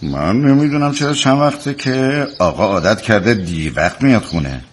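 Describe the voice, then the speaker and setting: A man's voice: fairly low pitch, animated, a little hiss or hum, natural voice. An actor playing a stern, irritable middle-aged father who brushes off his family. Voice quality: gruff, dismissive. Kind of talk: family drama acting.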